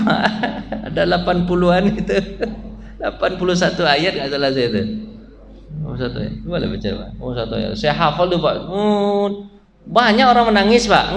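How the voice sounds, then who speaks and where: A man's voice: high voice, a bit bright. A male preacher giving a mosque study talk, joking with the congregation and chanting Quran verses in between. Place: mosque hall. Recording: echoey mosque with faint hum.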